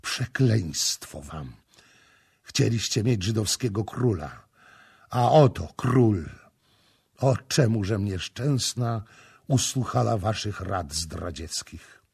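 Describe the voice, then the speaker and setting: A man's voice: lowish voice, slow, darkish tone, slightly rough, no echo, studio quality. A man reading a storybook, voicing a grieving, frenzied young mother in an anguished, wailing way. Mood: cursing.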